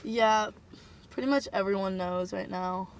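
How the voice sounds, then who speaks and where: A woman's voice: mid-range voice, unhurried, a little hiss or hum, natural voice. A young woman playing a reckless teen girl. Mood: sullen. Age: teens. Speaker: student. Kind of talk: amateur school drama.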